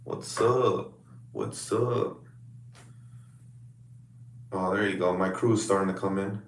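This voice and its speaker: A man coaching clients over a video call, chatting casually with loud, excitable hype-man energy. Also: deep voice, takes it slowly, echoey room, far from the mic, slight background noise. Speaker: fitness coach.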